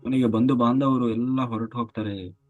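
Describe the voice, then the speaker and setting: Guy giving a spiritual storytelling talk, mid pitch, repeats himself, goes real quiet at times, faint music. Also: steady tone, moderate pace, dull audio. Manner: dramatic, repetitive, drops to near whisper. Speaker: spiritual teacher.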